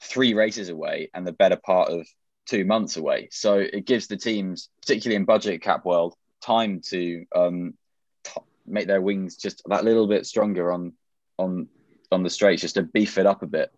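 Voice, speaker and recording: A man with a very low voice talks in a loose, opinionated way, often pausing on "um". His audio is dry and dull, with no room sound at all. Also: no echo. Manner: opinionated, wry, um-heavy. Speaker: podcast co-host. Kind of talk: casual chat.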